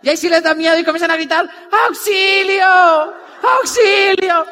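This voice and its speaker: A man rallies a convention audience in a high, piercing voice, repeating his points and acting out the people he quotes. His words ring out with a long echo through a large hall. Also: racing. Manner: animated, repetitive, acts out quoted people. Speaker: motivational speaker. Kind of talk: energetic motivational talk to a crowd. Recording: live talk with long hall reverb.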